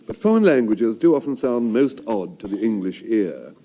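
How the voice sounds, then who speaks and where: Male radio host, droll, wry, dark mellow tone, animated pitch. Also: normal speed. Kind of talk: witty scripted radio presentation.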